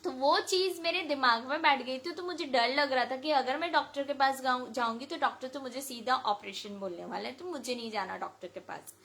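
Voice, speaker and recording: A woman from India giving an emotional, animated personal testimony at a devotional gathering, acting out much of the dialogue as she recounts it. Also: high-pitched, slight background noise. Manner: emotional, animated retelling with lots of quoted dialogue. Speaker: devotee sharing a testimony at a satsang.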